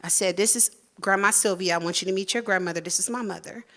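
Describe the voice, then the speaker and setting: A woman, telling a personal story live on stage and acting out the voices she quotes. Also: quick pace. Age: 40s. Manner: animated, acts out quoted voices with big pitch jumps.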